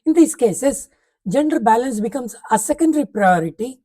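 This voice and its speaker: A woman reading a prepared talk aloud, setting out numbered points in a measured, formal way. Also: fairly high pitch, expressive, mellow, poor audio.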